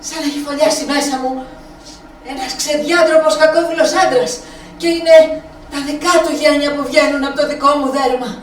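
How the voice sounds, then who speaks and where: A woman's voice: sits high, steady tone, natural voice. An actress performing a live stage monologue as an aging Helen, a faded proud woman alone, brooding, weary and bitter. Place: small theatre space. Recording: echoey room from far off.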